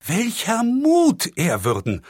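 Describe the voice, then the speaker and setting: A scheming middle-aged priest, read by a male audiobook narrator, heaping unctuous flattery on his superior. His voice sits somewhat above the reader's own and moves expressively. The sound is dry and close. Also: high-pitched, takes it slowly, dry recording, voice pushed up, heavily acted. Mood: murmured flattery.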